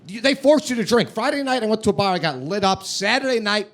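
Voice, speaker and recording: A man's voice: sits high, lively intonation, quick pace. A man with a thick Chicago accent doing brash, streetwise stand-up comedy. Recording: noisy live comedy room.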